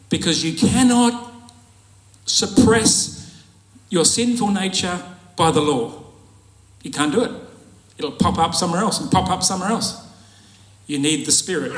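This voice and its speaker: A man's voice: on the high side, reverberant, low-quality recording. A man preaching a sermon in a conversational, jokey way and laughing at his own asides.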